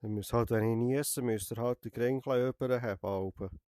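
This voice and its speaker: A young man with a Swiss German accent and a cold gives playful in-character commentary as a barber while streaming a VR game, teasing and tagging remarks with a questioning "hä?". His warm, clean, mid-range voice moves at normal speed in an echo-free studio recording.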